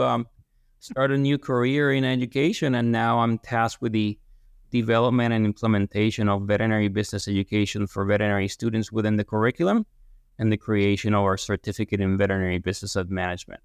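Low gravelly man from Puerto Rico. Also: no echo, studio quality. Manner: relaxed, rambling with restarts. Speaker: guest, veterinary business professor. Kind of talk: casual interview talk.

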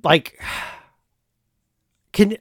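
A man giving a casual, rambling recap as a show host, often pausing mid-phrase as he goes. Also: fairly bright tone, no room sound, studio quality. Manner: halting, rambling delivery with pauses mid-phrase. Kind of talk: casual film plot recap.

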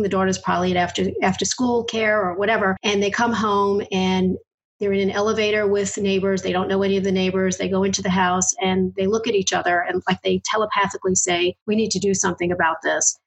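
A middle-aged woman hosting an interview, chatting casually and telling stories with lively outbursts. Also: mid-range voice, a little fast, breathy edge, low-quality recording. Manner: chatty storyteller, lively when surprised. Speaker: podcast host.

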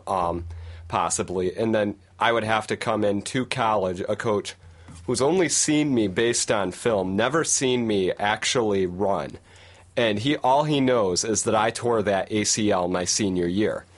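A man's voice: lowish voice, measured pace. A young man on a radio panel, making his points in a confident, emphatic way. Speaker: studio guest panelist.

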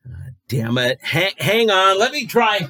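Eccentric radio host, swooping pitch. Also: male voice, huge pitch swings, unhurried, vocal fry, bright, forceful tone, dry recording, studio quality, exaggerated voice. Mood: flustered. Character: marooned eccentric male radio agony uncle, cranky, darkly comic. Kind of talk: scripted late-night radio show presenting.

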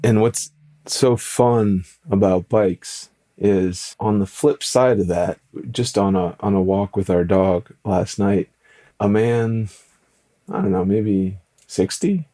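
A man's voice: lowish voice, slow pace, warm tone. A man co-hosting a podcast, telling stories in a casual, upbeat and playful conversational way. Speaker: podcast co-host.

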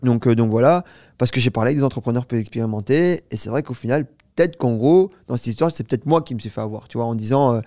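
This twenty-something startup founder spins out a lengthy tale as an interview guest, casual and animated, packing it with fillers and "tu vois" ("you see"). His pitch is mid-range, captured in a dry recording with clean studio sound.

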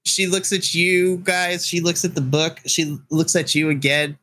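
Guy running a tabletop game, lively storyteller, laughs a lot. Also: fairly high pitch, unhurried, poor audio. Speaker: game master.

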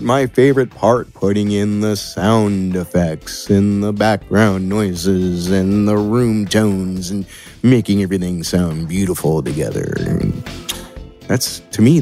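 A Californian man appears as a podcast guest, a producer and audio editor explaining how he works in a relaxed, playful, colloquial way. His voice is fairly low and dark, with a measured pace, and faint music plays behind him.

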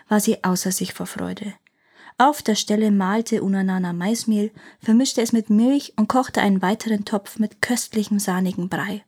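A woman reading a fairy tale aloud as a podcast storyteller, lively and expressive. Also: mid-range voice, husky.

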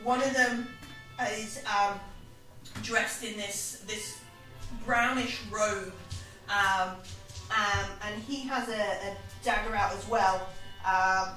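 A woman running a tabletop game as game master, improvising descriptions in a halting way. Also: medium pitch, fairly even intonation, pushed and bright. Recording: very echoey room, distant mic, music.

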